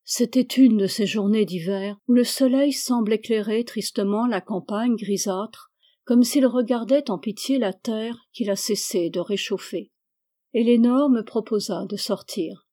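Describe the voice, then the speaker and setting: A woman narrating a classic novel as an audiobook, reading in a measured, even way. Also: fairly high pitch. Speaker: audiobook reader.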